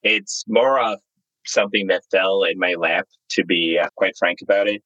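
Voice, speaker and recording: A Zimbabwe-born man in his thirties, a startup founder, tells his life story in a candid, relaxed way. His voice is very low and recorded close and dry. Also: normal speed, no echo, dull audio. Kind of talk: interview guest, storytelling.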